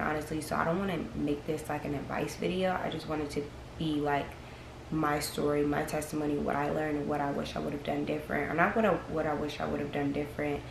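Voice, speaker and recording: Talking to her camera, this young woman of about twenty-one or so rambles along in a frank, chatty vlog style. She speaks low with little variation in pitch. There's an echoey room sound and noticeable hiss in the background.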